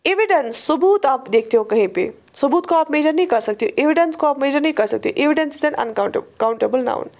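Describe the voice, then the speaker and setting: A native Urdu speaker, she lectures on English grammar, explaining in Hindi-Urdu and saying the English example sentences slowly and deliberately. Her voice sits high with lively intonation and a darkish tone, and she often checks in with the class using "theek hai" and "right".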